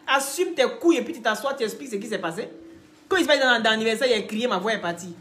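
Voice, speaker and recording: High-voiced scolding woman commentator. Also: animated, fast, a bit bright. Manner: scolding, mocking, talks straight to the people she criticizes. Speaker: online commentator. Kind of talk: gossip commentary vlog.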